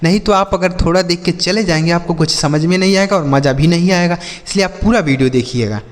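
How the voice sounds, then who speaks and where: A man's voice: sits high, fast talker, big-room sound. A man teaching a reading lesson to students, asking questions, answering them himself and repeating key points. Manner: questioning, repeats and answers his own prompts. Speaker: English teacher. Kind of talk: Hindi-language reading lesson.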